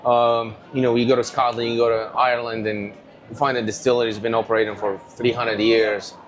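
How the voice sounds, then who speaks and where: A man from Tunisia, telling stories as an animated guest in a casual interview. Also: mid-range voice, brisk, slight background noise. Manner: animated, rambling storyteller. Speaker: whiskey company owner, guest.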